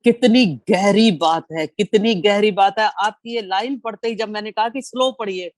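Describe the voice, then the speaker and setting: A woman's voice: mid-range voice, normal speed, dry recording. A woman giving an effusive spoken critique of poems at a poetry session, exclaiming and quoting lines with feeling, over a video call.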